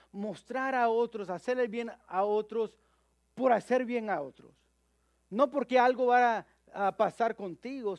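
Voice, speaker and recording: High-voiced man preaching a sermon. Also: darkish tone, dry recording. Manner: halting, with frequent repeated words and fillers.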